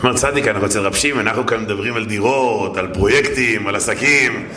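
A man's voice: on the low side, reverberant, over a noisy crowd. A man giving a storytelling sermon to a congregation, acting out the people in his stories with shifting voices and exclamations. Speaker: rabbi giving a Torah talk.

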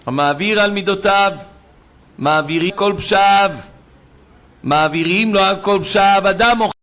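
A man preaching a sermon, fiery, swinging between shouted emphasis and quiet storytelling. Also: high-pitched.

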